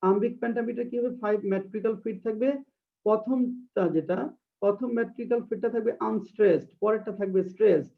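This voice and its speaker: A man giving an online exam-prep lecture, hesitating often and slowly dictating and repeating definitions. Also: high-pitched, gravelly. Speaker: English literature teacher. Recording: distant, tinny phone-like sound.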